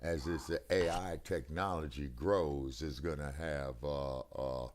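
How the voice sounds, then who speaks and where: Slowly and emphatically, a deep-voiced American co-host preaches during a casual political talk stream, heard through a headset over a video call with occasional dropouts. He keeps checking whether his listener follows, asking "you see what I'm saying?"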